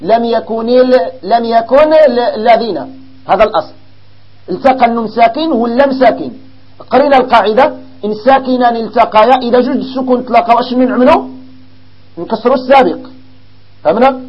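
A man with a Moroccan accent teaching an Arabic grammar lesson to a class, explaining slowly and quizzing his students. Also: extremely high pitch, husky, muffled recording, soft background music. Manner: explains slowly, asks the class questions, mixes in dialect.

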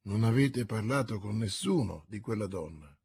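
A man playing a discreet young musketeer, quiet, probing, husky, in an audiobook. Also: on the low side, lively intonation, normal speed, voice pushed down, exaggerated voice. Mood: guarded.

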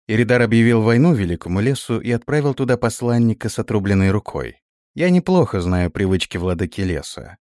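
An earnest young elf woman, voiced by a male reader, laying out a warning in a firm, explanatory tone. Her lines come in a storybook reading, lively in pitch and dry. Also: no room sound.

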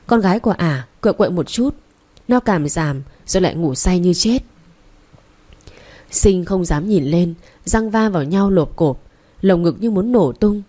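A woman narrating a story in a steady, measured way. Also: on the low side. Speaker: audiobook narrator.

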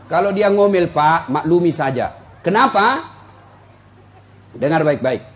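A man preaching a humorous sermon to a live audience, addressing them directly and acting out quotes with big jumps in pitch. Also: lively intonation, unhurried. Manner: jokes, addresses listeners directly. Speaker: Islamic preacher.

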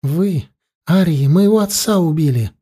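A man's voice: on the high side, unhurried, mellow, husky. A man voicing a frightened teenage boy who stammers and falters as he answers. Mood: defiant.

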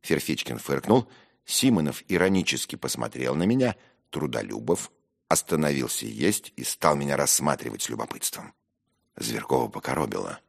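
A man narrates a literary audiobook in a deep, gravelly voice. His reading is dramatic, with a wide, lively swing of tone. Faint music plays beneath him.

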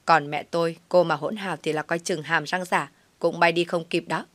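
A woman's voice: on the low side, fairly even intonation, normal speed, no echo, lightly acted. Woman reading a cold, scornful young man. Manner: curt, mocking, raised voice.

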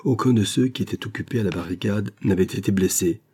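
Man, audiobook narrator, low-pitched, mellow, measured reading. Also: husky. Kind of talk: scripted narration.

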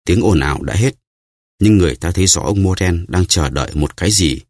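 A man narrating an audiobook in a steady, even storytelling manner. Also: sits low, fairly quick, dry recording, studio quality.

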